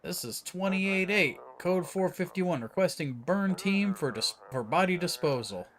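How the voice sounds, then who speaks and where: A man's voice: sits high, expressive, a little slow, a bit bright, voice pushed up, exaggerated voice. A man voicing a male police dispatcher in a horror game, calling out codes in clipped phrases.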